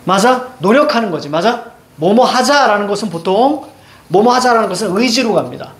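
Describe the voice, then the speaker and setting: A male teacher giving an online lesson, energetic, drilling his students with the same short questions again and again. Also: high voice, a little fast. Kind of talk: online lecture.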